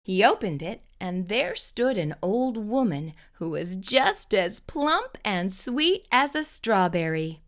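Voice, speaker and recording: A woman narrating a children's storybook expressively, with deliberate, dramatic pauses. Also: medium pitch, very animated. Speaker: children's storytime host reading aloud.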